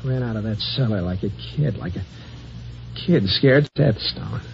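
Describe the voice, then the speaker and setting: In 1950s radio style, an actor plays a frightened, desperate middle-aged office man who stammers and breaks into panic, sounding bitter and desperate. His voice is fairly low, animated and unhurried, with vocal fry and soft background music. It sounds like a dull old radio broadcast with hiss.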